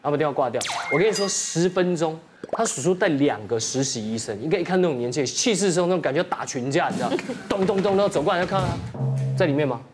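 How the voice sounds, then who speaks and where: A man's voice: on the high side, fast, background noise. A man, a guest on a talk show, telling an anecdote casually and acting out the people in it. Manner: animated storyteller acting out quoted people.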